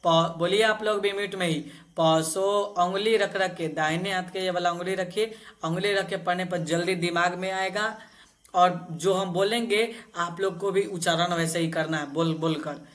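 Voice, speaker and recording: A man teaching Vedic chanting, reciting verses slowly syllable by syllable and breaking off into quick spoken explanations. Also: high-pitched, steady tone, a bit bright.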